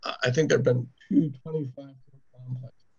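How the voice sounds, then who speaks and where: A man speaks over a video call in a measured way, pausing to rephrase as he makes a public comment. His gravelly, husky voice comes through muffled, lo-fi audio that glitches and keeps cutting out. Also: mid-range voice, steady tone, a little mellow. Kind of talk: public comment at a city board meeting. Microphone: computer mic on a video call. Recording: dull lo-fi remote call audio with dropouts.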